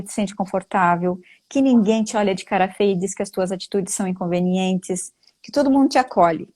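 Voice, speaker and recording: A woman, a family constellation facilitator, explains things earnestly and like a teacher during a live-stream talk. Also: darkish tone. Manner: earnest, teacherly, with frequent rising pitch jumps.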